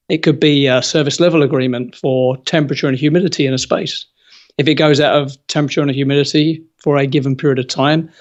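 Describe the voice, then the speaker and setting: A man talking as a guest in a casual interview, lively and opinionated, full of colorful comparisons. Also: fairly high pitch, highs cut off.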